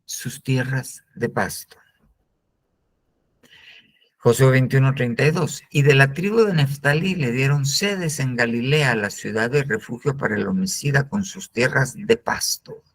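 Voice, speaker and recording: A man with a Guatemalan Spanish accent teaching a Bible discipleship class, repeating phrases for emphasis. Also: medium pitch.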